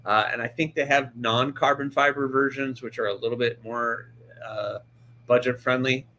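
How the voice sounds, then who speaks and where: A man with a mid-range voice hosts a live stream about pocket knives, speaking at a moderate pace with fairly even intonation and a pushed, bright tone over a little hiss or hum. He chats casually, greets viewers by name, and often restarts his sentences while handling a knife.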